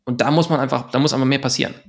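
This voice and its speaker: A German man in his thirties speaks at a middle pitch with a gravelly, creaky edge. He rambles quickly through his answer and keeps restarting his sentences with fillers. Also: steady tone. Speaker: guest. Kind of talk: casual podcast interview.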